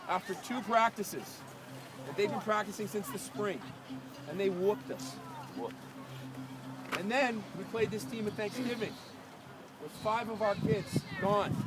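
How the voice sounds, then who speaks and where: A man coaching youth football, giving an emphatic, rallying post-game speech to his team outdoors. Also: high voice. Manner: emphatic, rallying, addressing a group. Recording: very noisy outdoor recording.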